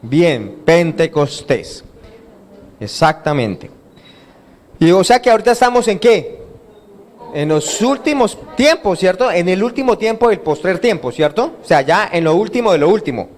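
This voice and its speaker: High-voiced pastor quizzing his flock. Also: sing-song, normal speed, slight background noise. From Colombia. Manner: asks the congregation questions and has them repeat answers. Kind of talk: interactive sermon. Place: church hall.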